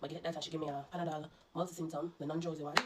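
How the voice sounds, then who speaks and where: Congested and coughing, a Jamaican woman vlogger earnestly tells her viewers about her illness and warns them. Her voice is deep and flat, she speaks at a racing pace, and there is heavy background noise.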